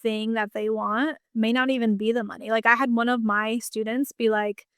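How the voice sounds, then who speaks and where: A woman's voice: on the high side, level tone, normal speed, clear, resonant tone, no echo, studio quality. A woman business coach talking in a casual podcast conversation, chatty and full of "like" fillers. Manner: chatty, heavy use of "like" fillers.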